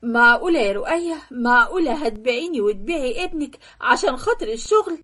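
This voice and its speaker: A woman's voice: sits high, lively intonation, fast, a bit bright. A woman voicing a stern, jealous young husband with an Egyptian accent, harsh and commanding in a cartoon story. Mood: angry. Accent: Egyptian Arabic.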